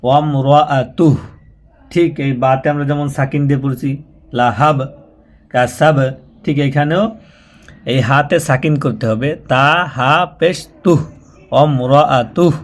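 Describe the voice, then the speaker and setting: A patient male teacher with a mid-pitched voice. He spells out recitation syllable by syllable, repeating each sound and stretching it out for his listeners. The delivery is a steady, patient spoken tutorial. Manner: patient, repetitive, slows down and draws out syllables when demonstrating. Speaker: Quran reading teacher.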